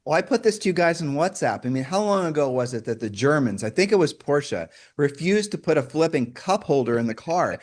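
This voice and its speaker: A man's voice: a little high, sing-song, a little fast, few pauses. A man hosting a casual car talk show, joking and steering the segments. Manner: jokey, runs the segments. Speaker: podcast host. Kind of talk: casual chat.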